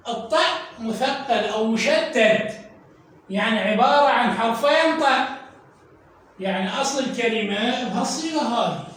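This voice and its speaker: High-voiced Iraqi man teaching slowly. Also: a bit bright, distant mic, a little hiss or hum. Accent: Iraqi Arabic. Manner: slow, drawn-out syllables, repeating sounds for learners. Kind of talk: children's reading lesson. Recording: echoey room, voice from off mic.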